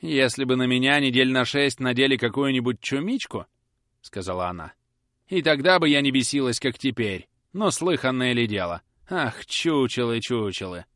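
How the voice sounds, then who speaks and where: A man reading an audiobook and voicing a fiery, sharp-tongued young nursemaid who rants in a high, mocking voice. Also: expressive, moderate pace, no room sound, studio quality, natural voice. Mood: indignant. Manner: shrill, indignant, mocking.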